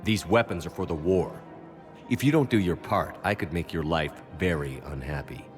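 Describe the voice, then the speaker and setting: Man playing Commander Shepard, deep and stern. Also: moderate pace, faint music behind, natural voice. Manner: firm, clipped, authoritative. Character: stern, terse male military space commander. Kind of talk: video game dialogue acting.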